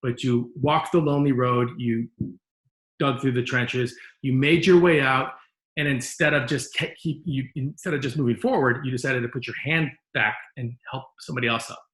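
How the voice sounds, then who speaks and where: A man's voice: mid-range voice, steady tone, moderate pace, a bit bright, roomy sound, rough recording. A man hosting a podcast interview, talking in an earnest, rambling, encouraging way. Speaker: podcast host. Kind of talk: casual interview talk.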